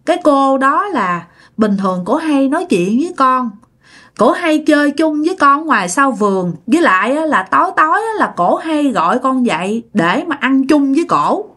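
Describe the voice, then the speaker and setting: A woman voicing a frightened little girl who cries out in a high, shrill voice. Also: sing-song, normal speed, fairly bright tone. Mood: innocent. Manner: shrill, crying out. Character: small girl, frightened, pleading.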